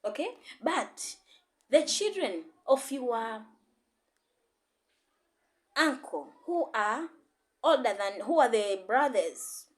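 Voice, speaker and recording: A Swahili and English teacher from Tanzania, a woman, speaks slowly with long pauses during an encouraging online lesson. She often repeats herself and code-switches, and her slightly high voice has big pitch swings.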